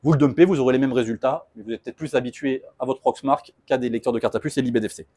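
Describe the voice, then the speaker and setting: A man talks fast through a casual technical presentation, his voice a little husky and rough at the edges. He jokes as he goes, loose and informal, and the sound is close and dry with almost no room around it. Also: medium pitch, warm tone, no echo. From France. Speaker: conference speaker.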